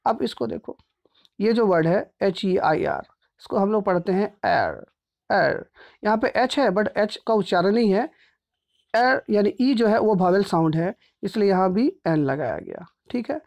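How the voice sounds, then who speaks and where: A male teacher walks pupils through a grammar lesson. His delivery is patient and repetitive, and he keeps pausing to check that everyone is following. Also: high voice, animated, gravelly, a little mellow. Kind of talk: grammar lesson explained step by step.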